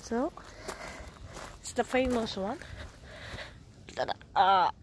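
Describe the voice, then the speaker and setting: Speaking slowly in a slightly high voice with a bit of hiss or hum, a Filipina travel vlogger chats casually outdoors at a rural estate while sick. A native Tagalog speaker, she mixes English, Tagalog and Swedish and keeps searching for words.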